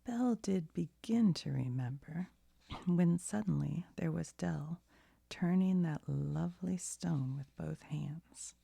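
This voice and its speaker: A woman softly reading a bedtime story in ASMR style, with a deep, hushed, breathy half-whisper and a gentle storybook manner. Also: takes it slowly, no room sound.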